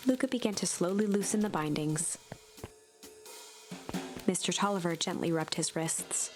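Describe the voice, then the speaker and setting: A woman hosting a game playthrough, reading the story's narration in a steady storybook manner. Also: lowish voice, normal speed. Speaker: let's play host reading the story. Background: game music.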